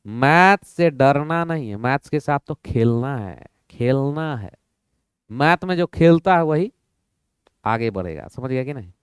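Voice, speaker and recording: A man's voice: medium pitch, animated, measured pace, smooth, dry recording, studio quality. A man teaching maths in a playful classroom lesson, acting out both sides of a dialogue.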